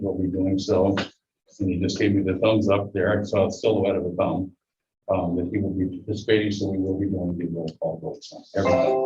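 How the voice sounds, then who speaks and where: Low man muffled through a face mask. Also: dark tone, a little hiss or hum. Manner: procedural with dry asides. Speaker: board chairman. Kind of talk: chairing a public meeting. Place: meeting room. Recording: dull echoey room recording from a distance.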